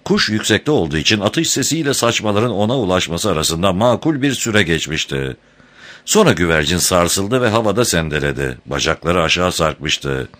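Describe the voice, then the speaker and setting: A man narrating an audiobook chapter in an expressive, dramatic reading style. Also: low voice, moderate pace. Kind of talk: scripted narration.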